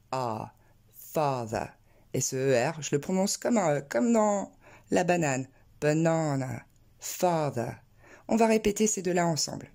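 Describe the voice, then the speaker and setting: A woman teaching an English pronunciation lesson, explaining clearly and slowing down to model words. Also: fairly low pitch, dark tone.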